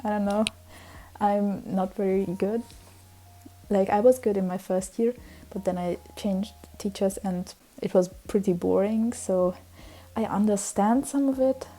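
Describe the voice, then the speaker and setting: A young Hungarian woman in her twenties chats casually on her vlog, rambling with plenty of fillers and restarts. Her mid-range voice is warm and a little slow.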